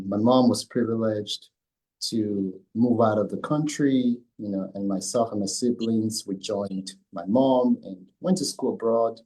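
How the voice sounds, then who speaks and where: A man with a fairly low voice talks through interview questions as the firm's founder. He stops and starts often, leaning on fillers and repeating himself as he gathers his thoughts. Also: dark tone, rough recording. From Nigeria. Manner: hesitant, many fillers and restarts. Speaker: company founder and CEO, guest. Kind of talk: conversational interview answers.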